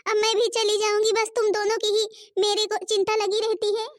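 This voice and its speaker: A woman voicing a dying elderly mother-in-law in a cartoon, speaking softly and pleading with her family. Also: very high voice, completely flat delivery, normal speed, dry recording, studio quality. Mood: sad, pleading. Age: older. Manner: soft, pleading farewell speech. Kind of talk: Hindi cartoon voice acting.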